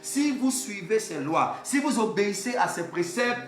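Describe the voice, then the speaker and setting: A male pastor preaching a sermon with lively rhetorical questions and repeated words, in an echoey church hall. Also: high voice, normal speed. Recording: echoey hall, faint music.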